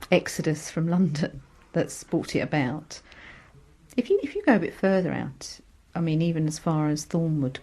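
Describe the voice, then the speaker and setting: Low-voiced woman, fond and chatty. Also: mellow. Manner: fond, conversational. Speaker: oral history contributor. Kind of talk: chatty interview talk.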